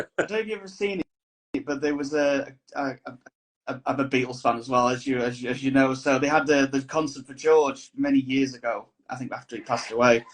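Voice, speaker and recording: A man, a musician guest on a podcast, talking in a rambling, thoughtful casual chat. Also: medium pitch. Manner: rambling, thoughtful, many restarts.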